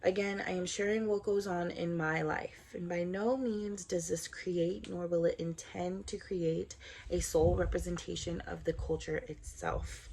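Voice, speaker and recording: A woman's voice: lowish voice, steady tone, unhurried, gravelly, darkish tone, slight background noise. A woman in her twenties from Southern California, introducing herself in an earnest, upbeat scripted vlog. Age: 20s. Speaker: vlogger.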